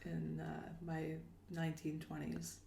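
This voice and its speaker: A woman's voice: low voice, monotone, unhurried, vocal fry, warm tone. A young woman in her twenties co-hosting a casual podcast, mostly adding short reactions and joking asides. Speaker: podcast co-host. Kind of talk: casual chat.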